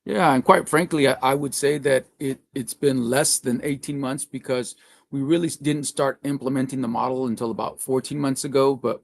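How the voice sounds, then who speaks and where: A man's voice: medium pitch, vocal fry. A man leading a trade organization, speaking in a matter-of-fact, upbeat way in a casual conversation.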